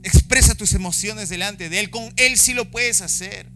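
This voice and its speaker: A Chilean man preaches to his congregation with passion, slipping into the voices of people he quotes. His voice sits a little high and rings very bright. Soft instrumental music plays faintly beneath the sermon. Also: normal speed. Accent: Chilean Spanish. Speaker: pastor. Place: church service.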